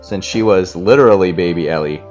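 Deep-voiced dad reading a storybook. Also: male voice, a little fast, lo-fi sound, faint music behind. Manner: animated, playful read-aloud with child. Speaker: parent co-host reading aloud.

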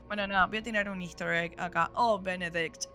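Tired argentine girl co-hosting a podcast, super bright voice, rambly chatty, soft music under it. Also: medium pitch, fairly even intonation, quick pace. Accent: Argentine Spanish. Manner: chatty, rambling, filler-heavy. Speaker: podcast co-host. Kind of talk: casual podcast chat.

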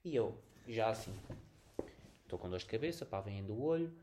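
A young man with a European Portuguese accent, telling a story in a casual podcast chat, animated, swearing often and acting out the scenes. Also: fairly low pitch, moderate pace, noisy background. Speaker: podcast co-host.

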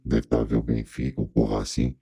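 A joking, laid-back podcast guest chats casually through a voice changer that distorts him into a very deep, gravelly sound. The audio is studio quality with no echo, and he speaks fast in a level, mellow tone.

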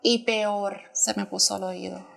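A woman's voice: medium pitch, fairly even intonation, measured pace, creaky, a bit bright. A woman sharing a personal testimony as a church planter in conversation, earnest and emotional, often restarting her sentences.

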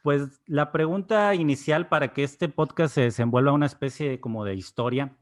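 A man's voice: a little high, moderate pace, slight background noise. A man hosting a podcast, asking a guest short, conversational questions. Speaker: podcast host. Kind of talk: interview questions.

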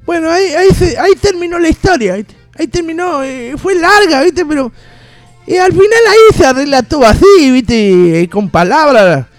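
A man playing a rambling rustic countryman, telling a story loudly on radio. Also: very high-pitched, animated, normal speed, no room sound, faint music behind. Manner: shouting, rambling, constant "¿viste?". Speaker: comedy guest. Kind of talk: comic storytelling in character on radio. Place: radio studio.

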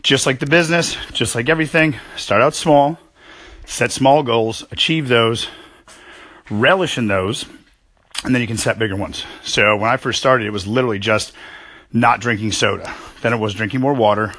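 A man in his forties talks in a bright, forceful voice, still out of breath from working out and breathing heavily between phrases. He is upbeat and casual, and the sound is dry and close with no room echo. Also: mid-range voice, normal speed. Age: 40s. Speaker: podcast host. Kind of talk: casual motivational talk. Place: home gym.

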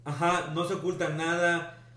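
A laid-back man in his twenties from Veracruz joins as a guest, his voice slightly high. He agrees readily, and the room around him sounds echoey. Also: little pitch movement, normal speed, pushed and bright. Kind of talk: casual chat. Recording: roomy room echo.

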